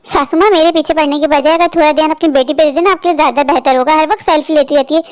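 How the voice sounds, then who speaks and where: A woman's voice: sits high, fairly even intonation, very fast, natural voice. A woman voicing an argumentative daughter-in-law who quarrels with her mother-in-law in a cartoon. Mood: angry. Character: scolding middle-aged daughter-in-law, sharp-tongued.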